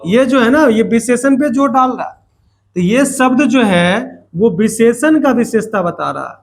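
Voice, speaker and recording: A man's voice: very high-pitched, animated, measured pace, vocal fry. A man teaching a grammar lesson to students, repeating points and asking questions that he answers himself, with playful asides.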